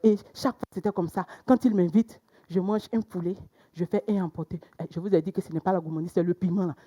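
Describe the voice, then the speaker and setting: A young woman performing a stand-up comedy routine, telling stories with sudden loud exclamations. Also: fairly low pitch, steady tone, fast. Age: young adult.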